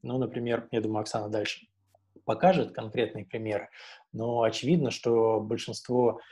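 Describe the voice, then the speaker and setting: A man in his thirties presents an explanatory webinar on a video call from a small indoor room, speaking through a wired earphone headset. His voice is mellow with a breathy edge, level in tone, at a medium pitch and moderate pace.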